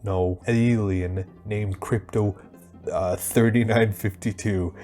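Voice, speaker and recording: A man giving a casual video game review voice-over in an informal, slangy, slightly halting way. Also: on the low side, fairly even intonation, dark tone. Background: music under the voice.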